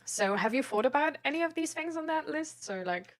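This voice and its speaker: A young adult woman with a high, animated voice talks briskly to her chat viewers on a livestream. Her casual talk about mental health and self-improvement rambles informally and is full of filler tags.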